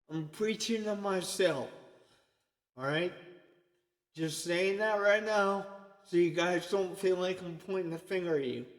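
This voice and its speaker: A man preaching an informal sermon in a conversational way, often checking in with "okay?". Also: high-pitched. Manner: conversational, repeatedly asks "okay?". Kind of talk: informal sermon to an online group. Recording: echoey long reverb.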